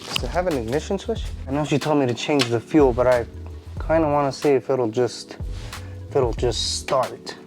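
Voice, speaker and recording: A man's voice: mid-range voice, moderate pace, music in the background. A man hosting a casual vlog, chatty, bemused and self-deprecating as he fumbles through a task. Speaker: vlogger host.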